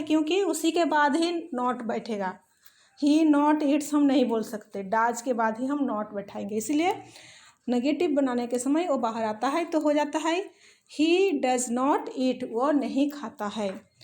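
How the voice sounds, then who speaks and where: A woman teaching English grammar in a patient lesson, spelling out example sentences slowly word by word. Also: sits high, darkish tone. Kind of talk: slow explanatory lesson.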